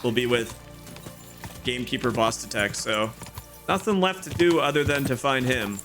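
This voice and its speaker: A man's voice: medium pitch, expressive, normal speed, over music. A man giving casual video game commentary as a playthrough host, chatty, thinking aloud and given to exclaiming.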